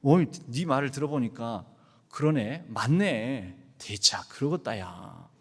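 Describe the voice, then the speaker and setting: A kindly God figure, voiced by a male pastor who sounds like an old man from Jeolla, dropping into a low, hushed, sympathetic drawl. He talks slowly and gently. The voice hangs in a long, echoing church hall. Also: expressive, breathy edge, heavily acted. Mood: consoling.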